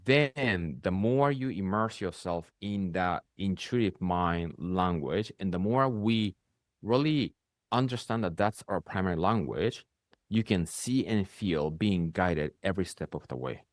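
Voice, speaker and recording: Deep-voiced and measured, a man hosts a reflective conversation as a spiritual coach, his English carrying a Japanese accent from learning it later in life. His intonation is lively, rising in bursts and often finishing with "right?" to check in. The recording is studio quality, free of room sound.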